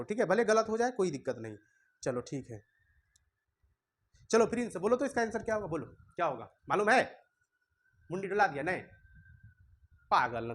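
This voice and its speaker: A man's voice: high voice, a bit bright. Guy teaching class, chatty and scolding the kids. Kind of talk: classroom lesson. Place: classroom with students.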